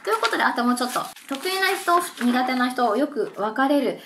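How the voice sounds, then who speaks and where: A young woman tutoring for a test in a casual, chatty lesson, reading passages slowly. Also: high voice, lively intonation, background noise. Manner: chatty, mixes Japanese and slowly read English.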